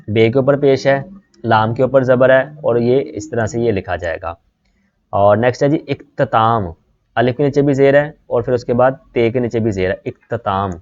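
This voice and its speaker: Male online tutor from Pakistan with a mid-pitched voice, drilling students on exam words, slightly muffled lo-fi sound. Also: darkish tone. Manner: calls students "beta", repeats "theek hai" and "next hai ji". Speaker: online Urdu teacher. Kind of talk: exam-prep lesson, word by word. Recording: slightly dull lo-fi audio.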